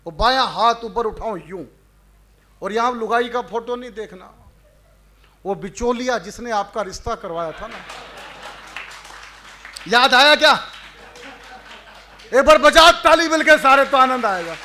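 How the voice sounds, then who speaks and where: A man reciting patriotic verse live, chanting refrains and stretching lines slowly between crowd banter. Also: very high voice, sharp tone. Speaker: stage poet and emcee. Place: live event before an audience.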